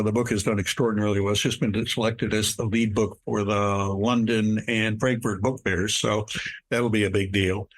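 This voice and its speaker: An older man, a guest speaker and author, telling stories in an interview and acting out quoted lines with big jumps in his voice. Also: low-quality recording. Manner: animated storyteller, acts out quotes with big pitch jumps. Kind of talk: storytelling interview chat.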